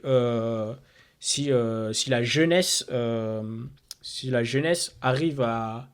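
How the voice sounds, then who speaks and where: A man co-hosting a football podcast, reading out a squad list with many hesitant filler pauses. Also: medium pitch. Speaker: podcast co-host. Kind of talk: casual sports podcast talk.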